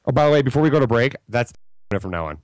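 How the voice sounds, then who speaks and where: Young male radio host, mid pitch, animated and rambling, self-mocking. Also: fast, heavy background noise. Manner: rambling, self-deprecating, crude. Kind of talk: casual comedic banter.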